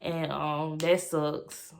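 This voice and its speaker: A woman's voice: low voice, little pitch movement, extremely slow, creaky, slight background noise. A young woman in a confessional home vlog, talking candidly and rambling with many fillers, speaking casually and directly to her viewers. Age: young adult. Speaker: vlogger.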